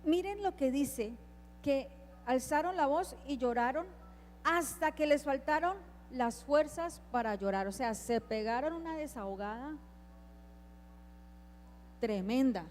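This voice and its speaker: A woman's voice: high-pitched, animated, a little slow, pauses often, a little mellow, slight background noise. A woman preaching a sermon, emphatic and putting questions to her congregation.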